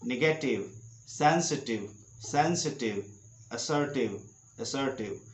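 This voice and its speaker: A man teaching English pronunciation, explaining rules slowly and repeating each example word twice. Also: fairly high pitch, a bit bright. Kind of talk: slow classroom-style explanation with drilled word repetition. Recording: echoey room, slightly dull lo-fi sound.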